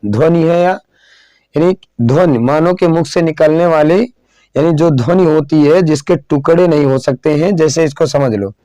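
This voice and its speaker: A man teaching a lesson, slowly repeating phrases and asking questions that he then answers himself, sometimes drawing words out as he writes on a board. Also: on the high side, mellow, no room sound. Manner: drawn-out dictation while writing on a board. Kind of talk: classroom lesson.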